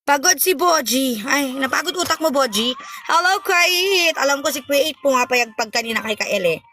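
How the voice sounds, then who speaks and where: Young woman streamer, teasing chatty host, high bright voice, faint hiss behind. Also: lively intonation, moderate pace. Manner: playful, teasing, switches between Tagalog and English. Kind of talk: chatty live-stream banter.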